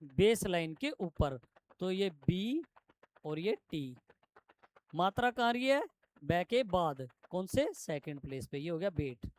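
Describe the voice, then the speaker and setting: A man teaching shorthand to a classroom, explaining step by step and quizzing his students with quick questions. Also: high voice, big pitch swings, darkish tone. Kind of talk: classroom lesson.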